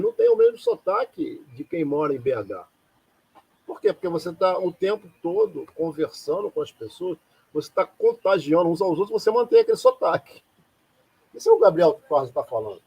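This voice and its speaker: A man's voice: on the high side, very animated, moderate pace, gravelly, darkish tone, husky, rough recording. A man from Rio de Janeiro giving an informal live lecture in a rambling, conversational way, often asking rhetorical questions. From Rio de Janeiro, Brazil. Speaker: lecturer hosting a live talk.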